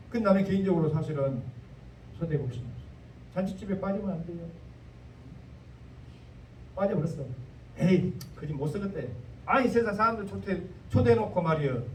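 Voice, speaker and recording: A man's voice: sits high, animated, fairly quick, long pauses, a little mellow, slight background noise. A male pastor with a Jeolla accent preaching a sermon in a folksy, joking manner with dialect asides. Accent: Jeolla Korean. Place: church sanctuary. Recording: echoey church hall, mic at a distance.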